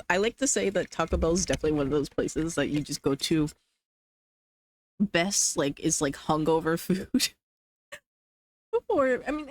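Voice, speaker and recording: A livestreamer chatting casually with chat while eating, rambling and hedging with lots of fillers. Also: mid-range voice. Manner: rambling, hedging with many "like"s, reading chat aloud.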